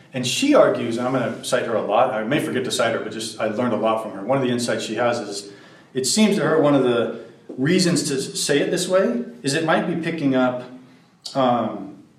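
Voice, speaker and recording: A man giving a conversational sermon and thinking aloud, with fillers and restarts. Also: medium pitch. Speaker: preacher. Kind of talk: sermon teaching. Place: church hall. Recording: roomy, from a distance.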